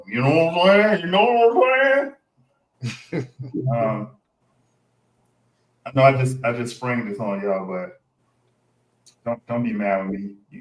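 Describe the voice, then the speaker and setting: A man's voice: mid-range voice, a little mellow. A man hosting a casual podcast chat, laid-back and often restarting his words. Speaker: podcast host. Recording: roomy echo.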